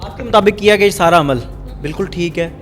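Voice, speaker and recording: A male interviewer pushes his guest with pointed, challenging questions. His voice sits a little high for a man, with faint music underneath. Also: fairly bright tone. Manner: pressing, challenging.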